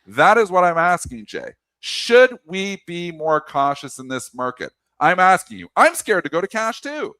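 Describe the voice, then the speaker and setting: A man talking markets with loud, emphatic passion. His pitch sits a bit high and swings widely as he repeats each point for emphasis. The sound is close and dry. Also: big pitch swings, moderate pace, few pauses, dry recording. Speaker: co-host of a market show. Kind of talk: casual market talk.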